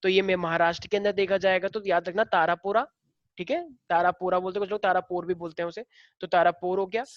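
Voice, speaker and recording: A man's voice: high-pitched, fairly even intonation, fast, no echo, dull audio. A male teacher lecturing a class in a casual way, explaining step by step and firing questions at the students.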